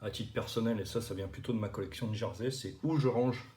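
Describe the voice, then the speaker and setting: Showing cards to the camera, a card collecting channel host talks quickly in a warm, lowish voice. He explains collecting terms in a loose, chatty way, often restarting sentences and filling gaps with fillers.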